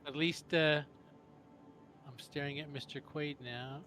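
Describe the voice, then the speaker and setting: A man's voice: a little high, steady tone, a little slow, over music. A man chatting casually with friends as he plays a video game, thinking aloud as he goes. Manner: thinks aloud while playing. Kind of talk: casual gameplay chat with friends.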